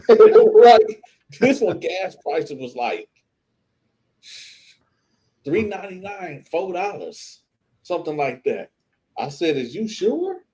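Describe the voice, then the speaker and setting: A man from Flint, Michigan, a guest streamer who tells lively, slangy stories and laughs often. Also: high voice, takes it slowly, pauses often, low-quality recording. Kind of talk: animated storytelling in a podcast chat.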